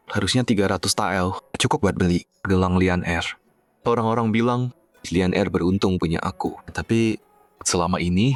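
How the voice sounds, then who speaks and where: A man playing a gentle, earnest and devoted young husband in a dubbed fantasy drama. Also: deep voice, natural voice.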